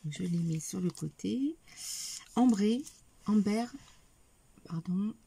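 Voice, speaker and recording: A woman's voice: fairly low pitch, lively intonation, moderate pace, vocal fry, warm tone, slight background noise. A middle-aged woman chatting casually in a craft haul video, hesitant with many fillers, talking to viewers as she shows each item. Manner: talks to viewers while showing items. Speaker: craft vlogger.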